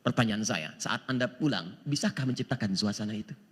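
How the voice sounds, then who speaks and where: A male Islamic preacher giving a sermon to a live audience, animated, asking rhetorical questions and quoting scripture in Arabic. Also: lowish voice, fairly quick, slightly rough. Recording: long hall reverb.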